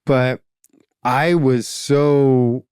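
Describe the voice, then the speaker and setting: A man's voice: medium pitch, fairly even intonation, extremely slow, darkish tone, clear, resonant tone, no echo, studio quality. A man with a Philadelphia accent, hosting a podcast in casual conversation, reflective and rambling with lots of asides. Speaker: podcast host.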